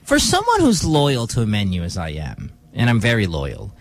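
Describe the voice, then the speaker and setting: A man hosting a morning radio show, joking around and taking calls with loose, animated banter. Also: mid-range voice, moderate pace. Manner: joking, animated, swears freely.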